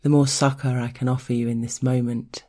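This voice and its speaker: A speaker narrating intimate erotic audio in the first person, speaking deliberately and directly to one listener. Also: mid-range voice, level tone, mellow. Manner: measured, deliberate storytelling addressed to one listener.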